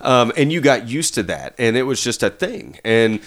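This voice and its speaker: A man's voice: medium pitch, very animated, moderate pace, fairly bright tone. A man in his thirties co-hosting a casual chat show, rambling with plenty of fillers. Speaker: podcast co-host.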